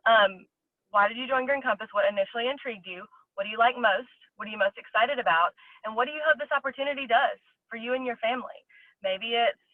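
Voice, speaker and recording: A woman's voice: a little high, no room sound. A woman giving an earnest, fired-up motivational talk to new team members. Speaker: guest presenter, mother. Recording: tinny phone-like line.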